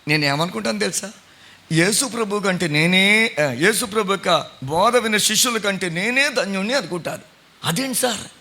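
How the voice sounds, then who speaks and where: A man's voice: sits high, bright, forceful tone. A middle-aged man preaching a sermon as pastor, questioning his congregation in a conversational way. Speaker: pastor and Bible college principal.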